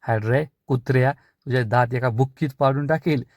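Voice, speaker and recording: A man's voice: mid-range voice, moderate pace, darkish tone, no room sound, close to an everyday voice. A man doing a hot-tempered old patriarch. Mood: angry. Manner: angry, threatening.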